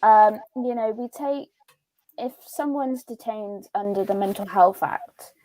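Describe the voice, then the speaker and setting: A woman on a discussion panel, giving measured, firm opinions. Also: medium pitch, dark tone, low-quality recording.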